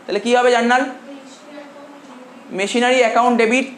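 A male tutor from India teaches a classroom lecture. He dictates slowly, repeats each phrase, and quizzes his students. His voice carries the echo of a roomy classroom over a faint hum. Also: very high-pitched, fairly even intonation, a bit bright. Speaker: commerce tutor.

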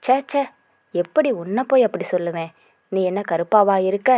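A woman's voice: mid-range voice, lively intonation, moderate pace, mellow, no echo, lightly acted. A woman voicing a cheeky young village girl. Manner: playful, cheeky.

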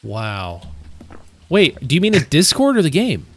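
Excitable streamer with a lively voice. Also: male voice, fairly high pitch, unhurried, slightly rough. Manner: excitable, joking. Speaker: streamer host. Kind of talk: casual gaming chat.

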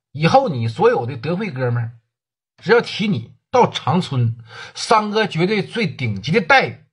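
A calm, shrewd big-city gang leader, as a male storyteller puts him on, speaking low and unhurried in a husky Northeastern Mandarin voice. He talks with the easy, knowing tone of a man who holds all the cards.

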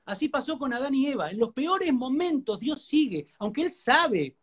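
This Rioplatense Spanish speaker has a very high, slightly rough, sing-song voice and a moderate pace. Testifying about his life during a live interview, he sounds like an earnest preacher and repeats words over and over for emphasis.

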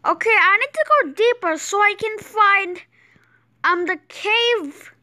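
A woman hosting an excited gameplay commentary, exclaiming often and restarting her sentences as she explores. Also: extremely high pitch, slow, dry recording, studio quality. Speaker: gameplay channel host.

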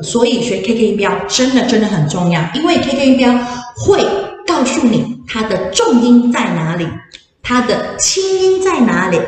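Brief: female English teacher, animated presenter quizzing the room, off-mic in a boomy classroom. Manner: switches between Mandarin and English, quizzes the audience. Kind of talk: info session talk to parents and children. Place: classroom with an audience. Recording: echoey room, distant mic.

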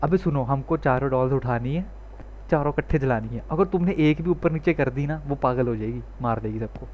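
A man streaming a co-op game with friends, giving orders and shouting high when he panics. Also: a little fast, lo-fi sound, slight background noise. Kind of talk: excited co-op gameplay chatter.

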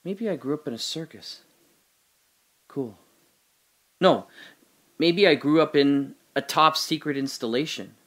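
In an audio drama monologue, an actor plays a man alone in a holding cell, musing on and questioning his memories as his tone shifts from wry to earnest. His voice is fairly high and a bit bright, delivered at a measured pace with long pauses.

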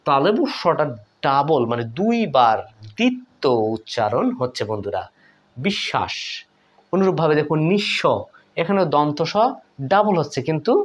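Lively-pitched man teaching a lesson. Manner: patient, repeats words slowly, addresses viewers as friends; emphatic, drawn-out example words. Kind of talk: Bengali pronunciation lesson.

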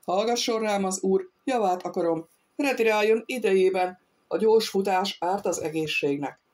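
A woman reading an audiobook, voicing a cocky male thief who calmly taunts soldiers from a treetop. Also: medium pitch, distant mic, lightly acted. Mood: mocking. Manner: taunting, calm, sly.

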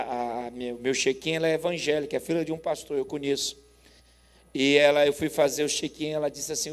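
A Brazilian man in his forties preaching as a pastor, telling a story with lively acted dialogue and loud laughter. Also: a little high. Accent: Brazilian Portuguese. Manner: animated, acts out both sides of a dialogue, laughs loudly. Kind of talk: sermon storytelling. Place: church. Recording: long reverb of a church hall.

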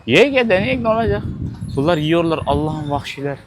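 Faint street noise runs behind a man filming a travel vlog on a busy street as he speaks right to his viewers. He swears and blurts out shocked exclamations in a fairly high, animated voice at a fairly quick pace.

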